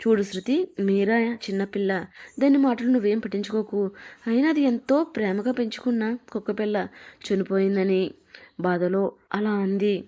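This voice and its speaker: A gentle young husband coaxes his wife to stop crying, as a woman storyteller puts him on. The voice is mellow and warm. The audio sounds dull and lo-fi, like an audio storybook. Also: mid-range voice, normal speed, lightly acted. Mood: soothing. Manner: soothing, coaxing. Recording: dull lo-fi recording.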